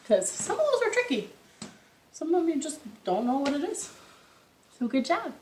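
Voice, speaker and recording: A woman with a medium-pitched voice hosts a storytime for young children, reading aloud expressively with drawn-out phrases and questions for her listeners. She's indoors in a living room, and the recording has a roomy, echoey home sound.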